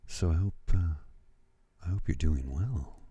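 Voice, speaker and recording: A man in his fifties speaking in a soft, breathy ASMR voice, slow and soothing, moving between whispering and murmuring close to a studio microphone. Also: sits low, no echo. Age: 50s. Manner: slow, soothing, hushed delivery. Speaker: ASMR host. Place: at home.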